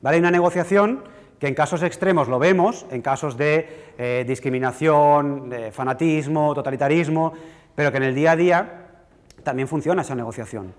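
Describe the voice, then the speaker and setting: A man's voice: on the high side, moderate pace. A man giving a university lecture in a conversational, self-deprecating way, often checking in with the audience. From Spain. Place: lecture hall. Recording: reverberant lecture hall.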